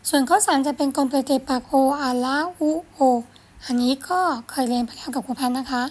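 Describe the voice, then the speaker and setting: A woman teaching French, reading phrases slowly and carefully, then explaining them quickly in a gentle, encouraging way. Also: sits high, steady tone. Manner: gentle, encouraging, ends phrases with polite particles. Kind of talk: explaining a French lesson in Thai.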